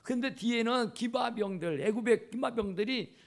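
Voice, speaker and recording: A man's voice: very high-pitched, normal speed, creaky. A man preaching a sermon as pastor in a church, impassioned and repeating his phrases for emphasis. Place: church sanctuary. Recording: church camera recording.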